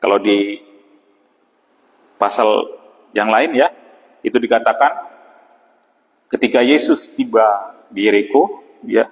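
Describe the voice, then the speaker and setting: Man preaching an evening devotional, reverberant. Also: lowish voice. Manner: unhurried, with frequent "ya" and pauses. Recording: long hall reverb.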